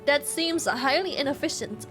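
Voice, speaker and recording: A woman's voice: high-pitched, moderate pace, fairly bright tone, soft background music. A woman streaming a video game with casual, playful, slangy commentary, thinking aloud. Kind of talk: casual live gaming commentary.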